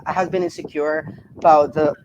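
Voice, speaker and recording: A man with a distinctly high voice and a Puerto Rican accent, a native Spanish speaker. He answers interview questions casually and earnestly, repeating phrases as he goes. There is faint noise behind him. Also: flat delivery, fairly quick, darkish tone, dull audio. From Puerto Rico. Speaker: game contestant being interviewed.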